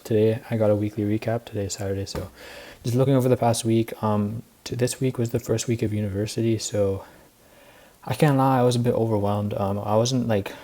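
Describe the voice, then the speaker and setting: A teenage boy talks through his week in a loose, filler-heavy ramble, sounding tired and a little out of breath. His voice sits low and dark, with a flat, even delivery. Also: brisk. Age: teens. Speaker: student trader recapping his week. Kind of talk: casual spoken recap.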